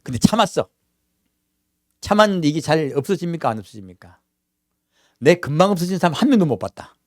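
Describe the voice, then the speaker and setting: A man's voice: on the high side, sing-song, fast, a little mellow, dry recording, studio quality. A man preaching a sermon in a church, talking to the congregation conversationally with many rhetorical questions. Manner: acts out everyday quotes in character voices. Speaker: pastor.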